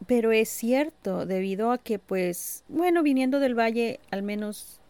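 A woman, co-hosting a casual podcast chat and telling stories in a reflective, measured way. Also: fairly high pitch, warm tone, clean tone, no room sound. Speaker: podcast co-host. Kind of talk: casual conversation.

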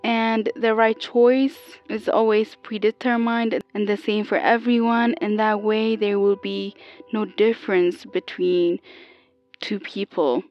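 A woman playing a calm AI copy of an older woman, heard over an old telephone line, explaining patiently and a little haltingly. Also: medium pitch, faint music behind. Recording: dull lo-fi phone sound, dry.

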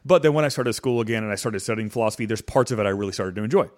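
Young guy hosting a podcast, lowish voice, chatty, lots of ums and do-overs. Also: racing. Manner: rambling, self-correcting, heavy on fillers. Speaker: podcast host. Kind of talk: casual chat and teaching.

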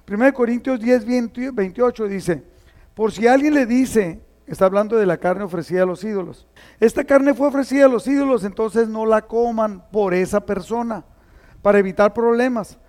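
Male pastor, church sermon, high voice, chatty with the congregation, reverberant hall. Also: moderate pace, a little mellow. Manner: conversational, asks the congregation questions.

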